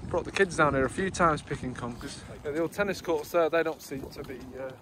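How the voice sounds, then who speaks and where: A man's voice: on the high side, fairly quick, a crowd in the background. Chatty man on an outdoor walk. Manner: chatty, enthusiastic, calls friend "mate". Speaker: vlogger leading a walk. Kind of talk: casual walking chat. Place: outdoors on a riverside and park walk.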